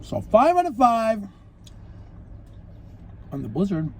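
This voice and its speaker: A man's voice: high-pitched, huge pitch swings, slow pace, a little hiss or hum. A man hosting a casual food review, chatting while he eats. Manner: chatty, talks with mouth full.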